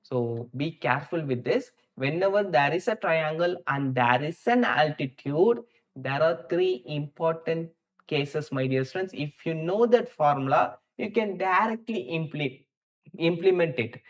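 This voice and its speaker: Hosting a live online maths class, a man with an Indian accent works through problems step by step, thinking out loud, speaking directly to students and often repeating words for emphasis. His voice is on the high side, with lively intonation and a measured pace.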